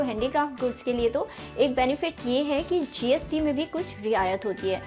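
High-voiced woman explaining to camera. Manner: friendly, direct address with frequent fillers. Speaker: channel host explaining online selling. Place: indoor room with bookshelves.

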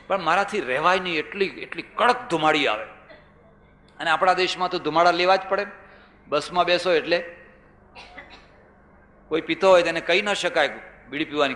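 A man's voice: on the high side, bright, forceful tone. An older man with a Gujarati accent giving a religious discourse, telling stories, asking rhetorical questions and repeating phrases for emphasis. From India. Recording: echoey hall with long reverb.

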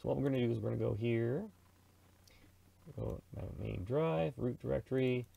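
A middle-aged man from Canada gives an easygoing radio software tutorial by screen recording, chatting in slang and talking through his thoughts as he goes. His mid-range voice is warm and creaky, at a normal speed.

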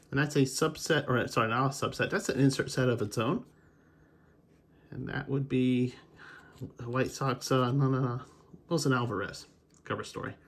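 The voice is a man's, medium in pitch and a bit bright. An American video host who collects baseball cards, he casually riffs without a script while opening packs, straying a little as he thinks aloud like a hobby host.

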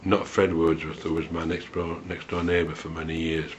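A man in his sixties telling a personal memory, unhurried and hesitant, with a dry, wry humour. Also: extremely low pitch, little pitch movement. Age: 60s. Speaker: storyteller recalling a student memory. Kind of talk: unscripted spoken memoir. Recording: dull lo-fi home recording.

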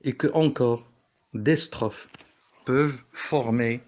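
A man's voice: mid-range voice, slow, darkish tone. A man from Morocco teaching a French poetry lesson, explaining step by step and correcting himself as he goes.

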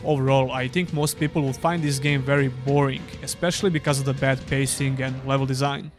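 A man's voice: medium pitch, little pitch movement, a little fast. A young man narrates a game review in a scripted voice-over. His delivery is dry and sarcastic, with music playing faintly behind him. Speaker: gaming YouTuber.

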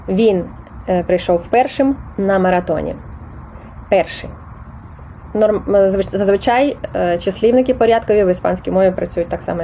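A woman talks through Spanish grammar questions like a patient teacher, pausing and correcting herself as she goes. Her voice is mellow and warm, sitting at a middle pitch, with a faint hiss of noise behind it. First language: Ukrainian. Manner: patient, explanatory, with small hesitations. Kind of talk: explaining test answers.

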